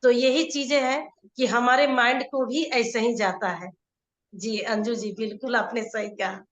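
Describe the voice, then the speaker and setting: Higher-voiced woman coach in an echoey room. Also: fairly even intonation, unhurried. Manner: explanatory, repeats points, addresses viewers directly. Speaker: life coach. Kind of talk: live online teaching session.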